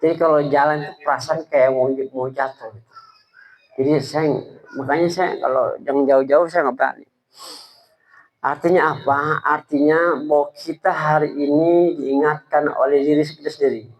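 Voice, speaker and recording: A man preaches in a loose, conversational way, stumbling and restarting as he goes. His voice sits a little high, and he keeps turning to his listeners as if chatting with them. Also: steady tone, rough recording. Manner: halting, stammering delivery; colloquial, addresses listeners directly. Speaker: preacher at a religious study gathering. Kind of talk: informal sermon.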